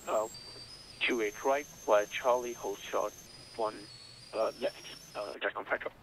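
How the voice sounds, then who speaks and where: A man gives pilot readbacks to air traffic control on the radio. His voice is fairly low with a gravelly fry. There is some noise in the background. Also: fairly even intonation, a little slow, low-quality recording. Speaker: flight simulation pilot.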